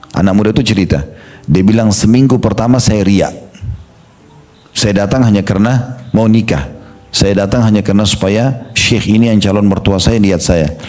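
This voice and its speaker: A middle-aged man preaching a religious study talk in a conversational way, slowly demonstrating prayer recitations with pauses. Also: fairly low pitch, dark tone.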